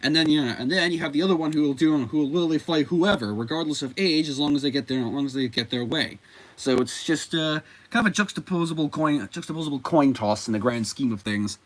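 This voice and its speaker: A man's voice: on the high side, fast talker. A man giving casual commentary as a comic book reviewer, rambling with frequent fillers and self-corrections.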